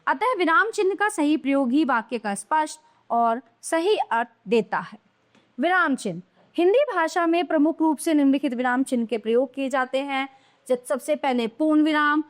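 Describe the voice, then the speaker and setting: A woman's voice: high voice, normal speed. A woman teaching a grammar lesson to young children, explaining patiently and answering her own questions.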